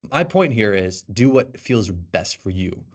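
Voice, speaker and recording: On a laid-back podcast, a tech content creator from Belgium who sounds American talks eagerly and loosely, saying "like" constantly. His lowish voice moves a little slowly and swings widely in pitch.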